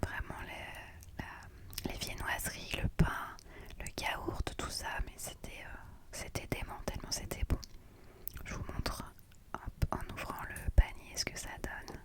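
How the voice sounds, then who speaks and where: A woman narrates a travel vlog entirely in whispers, quiet and hushed as if at night. She speaks close to the microphone in an ASMR style, recounting things as a vlogger would. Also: measured pace. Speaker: vlogger narrating her trip.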